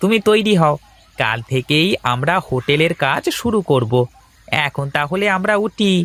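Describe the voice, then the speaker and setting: A man's voice: fairly high pitch, expressive, normal speed, a bit bright. A man voicing a caring village neighbor who takes charge and reassures others in a cartoon story. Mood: reassuring. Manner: urgent, reassuring. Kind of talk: animated cartoon voice acting.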